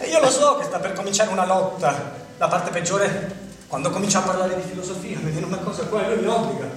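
A bitter, fawning office worker who spirals into sarcastic rants and bitter laughs, his voice pitched very high. The stage sound is cavernous and heard from a distance, with music underneath. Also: lively intonation, quick pace, a bit bright. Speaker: stage actor. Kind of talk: theatre play broadcast on radio.

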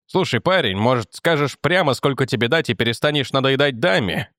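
A man voicing a calm young man who speaks curtly and reasonably. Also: medium pitch, fairly quick, dry recording, natural voice. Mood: dry. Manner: dry, curt, reasonable.

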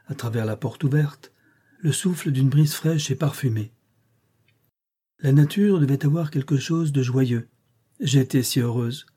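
A man narrating a classic novel as an audiobook reader, in a steady, measured way. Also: medium pitch, husky. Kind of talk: scripted narration.

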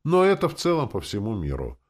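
An audiobook narrator voices a good-natured old imperial official who speaks formally and courteously, with quiet amusement. The voice is low yet moves lively up and down, and the pace is fairly quick.

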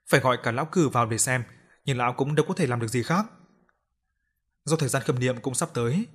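Man narrating a ghost story, grave and steady. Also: medium pitch, breathy edge. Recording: faint background music.

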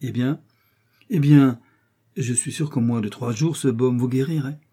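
A man's voice: medium pitch, unhurried, warm tone, slightly rough. A man reading the lines of a young, polite and brave Gascon swordsman, earnest and courteous.

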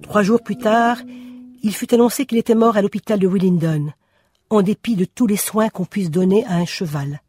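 A reader giving a steady radio drama reading, rising for dramatic moments. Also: mid-range voice, normal speed, husky, no echo, studio quality. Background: music.

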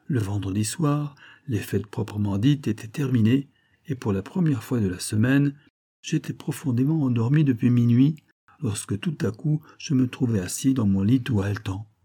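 A man narrating a novel in the first person, steady and measured. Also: medium pitch, slightly rough. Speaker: audiobook narrator.

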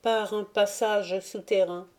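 A frightened young Tatar servant woman, pleading in hushed answers, as the narrator puts her on. A slightly higher, softer storybook voice that stays mellow and unhurried. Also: fairly even intonation, close to an everyday voice.

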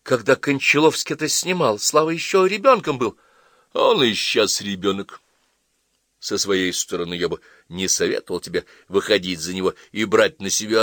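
A man's voice: on the low side, a bit bright, no room sound, clean studio sound. A man voicing a sardonic, mocking young man who lectures in a mock-solemn tone. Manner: jeering, preachy mock-solemn tone.

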